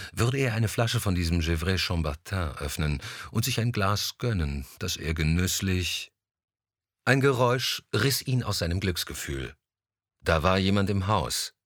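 A man narrating a novel in an expressive, measured storytelling manner. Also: sits low, no echo, studio quality. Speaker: audiobook narrator.

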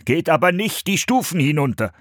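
A man's voice: fairly high pitch, very animated, a little fast, a bit bright, dry recording, clean studio sound, pitched above the performer's own voice. A man voicing an adult monk giving directions in a storybook reading. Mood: urgent. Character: adult male monk, calm leader.

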